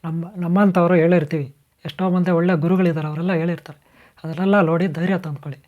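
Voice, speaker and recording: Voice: mid-range voice, steady tone, fast, darkish tone. A channel host delivers motivational spiritual advice in a mid-range voice. The speech is emphatic and keeps repeating key phrases while addressing the listener directly. The recording sounds dull and lo-fi.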